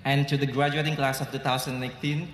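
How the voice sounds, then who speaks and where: A man's voice: medium pitch, little pitch movement, fast talker. Indonesian man giving a graduation speech. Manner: earnest, grateful, light humor. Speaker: graduation speaker. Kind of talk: commencement speech. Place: large hall. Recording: echoey hall with crowd.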